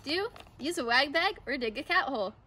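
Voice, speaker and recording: A young woman in her twenties giving a scripted outdoor skills lesson in a backyard, upbeat and playfully deadpan, recorded on a camera mic. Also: sits high, a little fast, slight background noise. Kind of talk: scripted instructional video.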